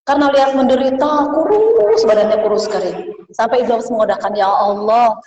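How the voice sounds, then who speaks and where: Woman preacher, fairly high voice, long hall reverb. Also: fast, lo-fi sound. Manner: addresses listeners as Bu, softens into hushed prayers. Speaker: religious teacher. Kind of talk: women's study circle sermon. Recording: echoey hall, voice from far off.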